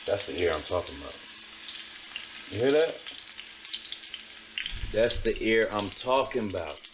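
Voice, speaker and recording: Deep-voiced man cooking at home. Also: very animated, unhurried, background noise. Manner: emphatic, repeats his points. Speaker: home cook vlogger. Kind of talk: casual cooking demonstration. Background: sizzling pan on a stove.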